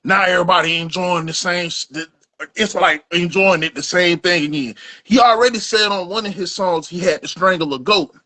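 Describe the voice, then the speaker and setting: A man co-hosts a casual sports podcast in a barbershop-chat style, speaking fairly quickly in a high, sharp voice. His talk is loose and rambling, with restarts and points that trail off.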